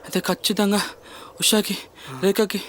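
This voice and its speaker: A man's voice: high voice, little pitch movement, moderate pace, fairly bright tone, slight background noise. An actor playing an anxious young man urgently searching for his missing friends. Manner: urgent, agitated. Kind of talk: film acting.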